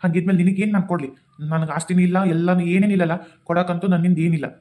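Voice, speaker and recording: A man's voice: high-pitched, steady tone, rapid-fire, warm tone, lightly acted. A man voicing a young husband and son in a cartoon, bitter and emphatic, with a North Karnataka accent. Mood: resigned. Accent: North Karnataka Kannada.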